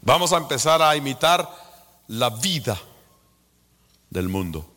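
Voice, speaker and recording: Guatemalan male preacher, Guatemalan Spanish accent, slow and drawn-out, whispers to shouts, echoey hall. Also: medium pitch, big pitch swings. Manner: dramatic swings from hushed whispers to fervent shouts. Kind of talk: sermon.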